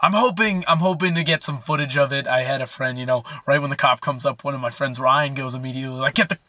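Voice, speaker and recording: A man's voice: medium pitch, fast talker, sharp tone, no echo. A young man telling a rambling, agitated story as a political activist vlogger, full of fillers and restarts. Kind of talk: ranting casual vlog.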